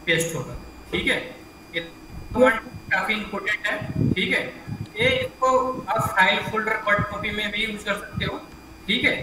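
A male computer teacher with a high, steady voice teaches an online class at normal speed, explaining step by step, asking students questions, and repeating "ठीक है". He's recorded from a distance in an echoey room, with background noise.

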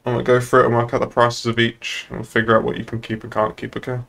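Here the young British streamer, roleplaying as a game server moderator, sounds gravelly and fairly bright in a monotone mid-range voice. He talks fast, loose and sweary.

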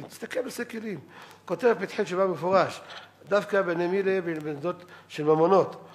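Animated rabbi giving a Torah lecture. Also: male voice, sits high. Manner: animated, quotes others in acted voices, repeats words for emphasis. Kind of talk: Saturday-night halachic lecture.

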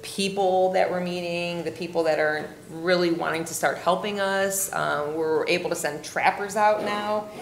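A woman in her forties speaks earnestly to a city council, pausing on fillers and restarting her sentences. Her voice sits low and gravelly. She is picked up by a desk mic in an echoey chamber with a faint hum behind her. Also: steady tone. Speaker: cat rescue group founder addressing city council. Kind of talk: public comment at a council meeting. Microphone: desk microphone, camera at a distance.

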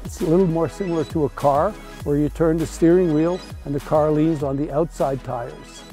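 A man's voice: fairly high pitch, steady tone, normal speed, dark tone, faint music behind. A middle-aged man, a ski instructor, explaining things in a casual conversational way outdoors at a resort.

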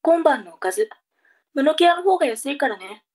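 A woman's voice: high voice, sing-song, brisk, darkish tone. A woman playing a bossy, scolding mother in a comic tongue-twister reading drama. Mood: brisk, instructing. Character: bossy, scolding mother sending children on errands.

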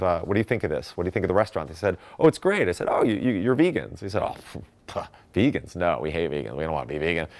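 A man's voice: low voice, darkish tone. A man giving a casual, enthusiastic talk with slides at a festival, chatty and full of fillers and restarts. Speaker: conference speaker. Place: festival stage or hall.

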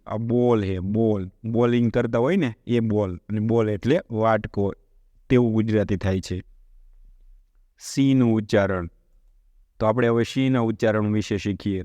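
A man's voice: lowish voice, measured pace, a little mellow, dry recording. A man with a Gujarati accent teaching a spoken English lesson, explaining step by step and putting questions to his listeners.

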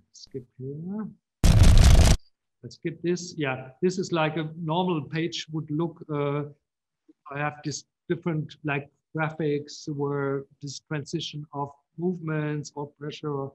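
A man giving a conference keynote on video call, halting and full of fillers and restarts. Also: fairly high pitch, muffled recording. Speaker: keynote speaker, composer.

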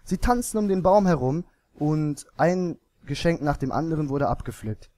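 A man narrating a fairy tale in an expressive storybook manner. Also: on the high side, normal speed.

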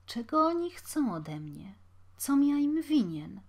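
Woman reading exhausted destitute man, quiet, pleading, weary, audiobook character. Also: high voice, big pitch swings, slow, pitched above the performer's own voice, exaggerated voice.

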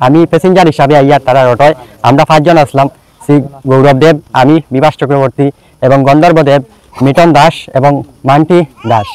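A man's voice: on the high side, a little mellow, clear, resonant tone, no room sound, rough recording. A man, a local resident, giving a formal statement to camera that turns into plain storytelling.

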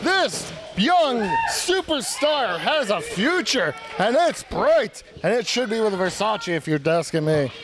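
A man's voice: high voice, sing-song, slow, hardly any pauses, music in the background. A man doing smug, brash color commentary for a wrestling match, siding with the villains. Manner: smug, brash, heel persona. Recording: loud crowd in a warehouse venue.

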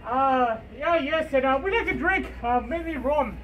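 A woman's voice: high-pitched, expressive, normal speed, lo-fi sound, soft background music. A woman vlogging in a pirate fursuit costume inside a drugstore, chatting playfully with lots of filler sounds and pirate interjections. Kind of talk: playful pirate-themed vlog chat.

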